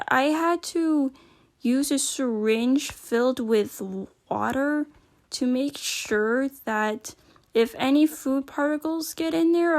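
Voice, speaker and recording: A woman telling a personal story casually, in a rambling, informal, slangy way. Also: high-pitched. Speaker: storyteller recounting a personal experience.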